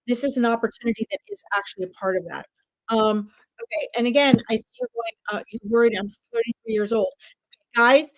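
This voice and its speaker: Animated woman in her fifties, dry close mic. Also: a little high, no room sound, poor audio. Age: 50s. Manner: chatty, animated, talks straight to viewers. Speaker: psychic medium giving live readings. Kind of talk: live-stream reading, addressing viewers.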